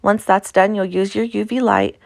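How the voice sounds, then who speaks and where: A woman's voice: medium pitch, fairly even intonation, moderate pace, creaky, no room sound, clean studio sound. A woman with an Appalachian accent talks through a craft tutorial in a casual, chatty, informal way. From Appalachia, United States. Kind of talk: casual instructional craft voice-over.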